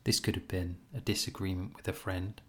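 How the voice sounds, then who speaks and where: A man leading a guided compassion meditation as a teacher, speaking in a gentle, soothing, unhurried way with pauses. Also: sits low, level tone.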